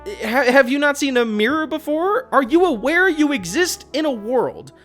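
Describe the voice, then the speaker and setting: Faint music plays as a video essayist delivers a sarcastic, swearing rant about a video game, clearly exasperated and full of opinions. The voice sits high, animated and fairly bright, at a moderate pace. This speaker hosts the channel.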